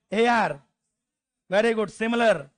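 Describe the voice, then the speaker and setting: Male classroom grammar teacher, pitched high, unhurried, drills word lists and teases his students. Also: animated. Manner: drills word lists aloud, spells letters out, scolds students jokingly. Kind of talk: classroom lecture.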